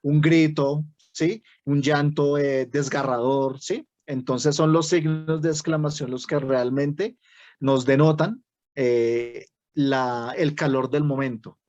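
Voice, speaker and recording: Speaking slowly and steadily, this Bogotá-accented man teaches an online writing workshop lecture, explaining each step, restarting himself, and checking in often with "¿sí?". His somewhat high, slightly mellow voice comes through without echo, though the highs are cut off.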